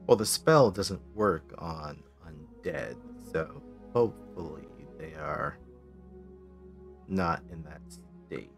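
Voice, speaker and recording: A man's voice: sits low, big pitch swings, slow, creaky, faint music behind. A man playing a tabletop role-playing game, chatting casually at the table and partly speaking in character.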